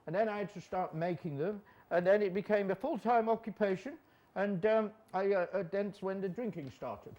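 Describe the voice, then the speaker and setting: A man's voice: sits high, normal speed, a little mellow, close to an everyday voice. A man playing a boozy, jolly old Santa Claus on a studio chat show, rambling and making self-mocking jokes.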